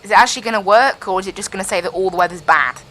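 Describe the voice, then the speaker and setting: A flight sim pilot and streamer flies a simulated airliner, chatting casually into her pilot headset and explaining each step as she goes. Her medium-pitched voice is fairly bright and very fast, and she keeps repeating "I have to be honest" in this live-stream cockpit commentary.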